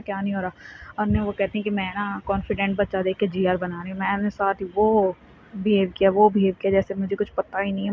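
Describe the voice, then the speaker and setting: A young woman, telling a rambling storytime in a casual vlog. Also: mid-range voice. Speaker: vlogger. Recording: muffled phone audio with noise.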